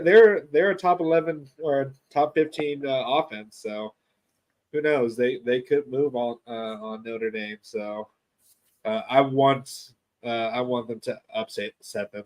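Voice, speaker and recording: A man's voice: mid-range voice, a little slow. A man co-hosting a casual sports podcast, rambling and joking as he talks. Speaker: podcast co-host.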